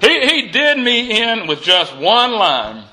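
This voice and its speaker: A man preaching an Easter sermon, telling a story and building emphatic, repeated refrains that rise from soft to shouting. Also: sits high, big pitch swings, takes it slowly, rough recording. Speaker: pastor.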